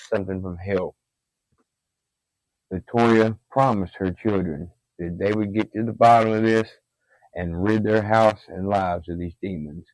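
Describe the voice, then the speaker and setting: A man's voice: fairly low pitch, darkish tone, no echo, rough recording. A man narrating a true haunting story in a casual, profane, conversational way with emphatic bursts.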